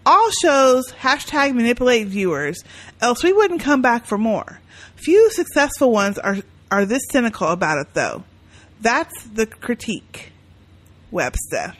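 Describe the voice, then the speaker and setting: A woman's voice: fairly high pitch, very animated, a little slow, fairly bright tone. A woman co-hosting a podcast, chatting and reading listener emails aloud in a blunt, sarcastic way, swearing freely. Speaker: podcast co-host.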